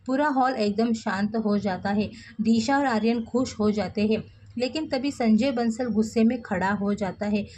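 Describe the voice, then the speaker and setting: A woman's voice: a little high, normal speed, dark tone, slight background noise. A woman narrating a TV serial plot recap in a scripted storytelling manner and speaking directly to her viewers.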